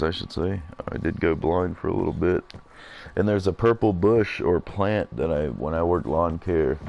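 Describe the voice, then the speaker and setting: A man's voice: low voice, creaky, a little mellow, lo-fi sound. A man in his thirties streaming a game live, chatting and rambling to his viewers as he plays. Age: 30s. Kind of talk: casual live gameplay commentary.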